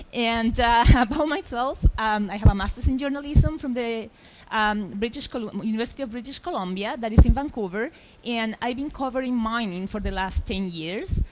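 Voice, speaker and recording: A woman's voice: on the high side, lively intonation, normal speed, hardly any pauses, darkish tone, a little hiss or hum, poor audio. Woman giving an expo talk. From Chile. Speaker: journalist, conference speaker. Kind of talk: conference presentation. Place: expo hall stage.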